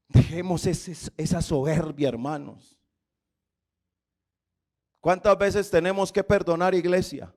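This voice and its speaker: A male pastor preaching a sermon with passion, often rising to shouts and calling his listeners brother. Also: medium pitch.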